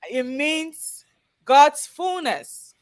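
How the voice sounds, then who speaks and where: A woman guest in a live interview, a chef and business owner, speaks very slowly in a high-pitched, expressive voice. She tells her personal story earnestly and conversationally, with a Cameroonian accent.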